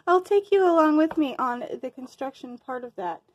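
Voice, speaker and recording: This crafting vlogger's voice sits high and sounds expressive, her delivery a little slow. Chatting casually with her audience about her crafts, she rambles, gets slightly out of breath, and loses her train of thought at times.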